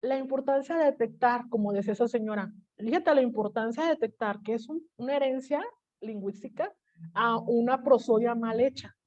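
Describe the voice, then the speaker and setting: A Mexican woman teaching an online class tells a personal story with energy, acting out the voices of the people she quotes. Her voice is a little high and a little fast, and the audio sounds dull.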